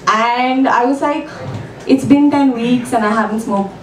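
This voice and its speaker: Filmed from the room, a stand-up comic from India in her thirties works a stand mic at a small club's open mic, poking fun at herself with ums and small laughs. Her Indian-accented voice is on the high side and unhurried, sounding far off in the echoey space over noisy background.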